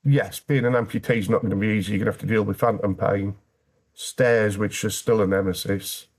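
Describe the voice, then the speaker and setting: Low-voiced British man, wryly plain-spoken. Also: steady tone, fairly quick, darkish tone. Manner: plain-spoken, wry dry humour. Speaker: interview guest. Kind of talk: candid personal storytelling in conversation.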